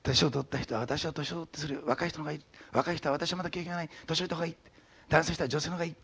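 Gravelly raspy fast-talking male pastor. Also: a little high. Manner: animated storytelling, acting out quotes. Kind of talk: sermon.

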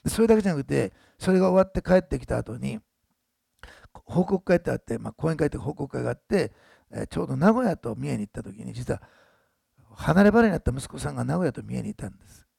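A man's voice: medium pitch, very animated, fast, vocal fry, darkish tone, slightly rough, dry recording, clean studio sound. A man in his sixties, a pastor telling a story in a sermon, chatty, often adding tag words. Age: 60s. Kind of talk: sermon testimony.

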